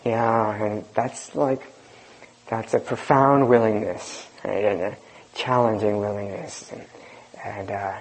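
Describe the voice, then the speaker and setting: Slow gravelly soft-spoken man. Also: lowish voice, steady tone, low-quality recording. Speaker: dharma teacher. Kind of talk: group dharma discussion.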